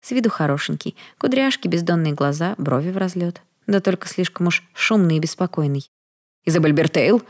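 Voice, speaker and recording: A woman reading a first-person fantasy novel aloud in a steady, measured way. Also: fairly low pitch. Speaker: audiobook narrator.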